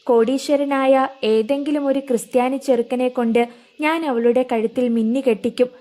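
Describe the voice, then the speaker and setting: മദ്യപിച്ച് വീമ്പു പറയുന്ന ഒരു അച്ഛനായി വായിക്കുന്ന ഒരു സ്ത്രീ. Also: female voice, high-pitched, fairly even intonation, moderate pace, mellow, close to an everyday voice. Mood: boastful. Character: doting drunken father, middle-aged man.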